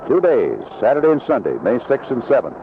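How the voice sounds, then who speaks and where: On a noisy, band-limited vintage AM broadcast, a man calls baseball play-by-play from an outdoor ballpark booth, mixing live action with promotional reads. His medium-pitched voice is sing-song and quick, and the audio sounds narrow and tinny.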